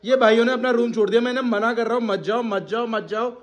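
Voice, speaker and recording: A man's voice: very high voice, fairly even intonation, fast talker, crowd noise. A young man chatting to his viewers in a casual, joking travel vlog, talking them through his day on a trip. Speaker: vlogger.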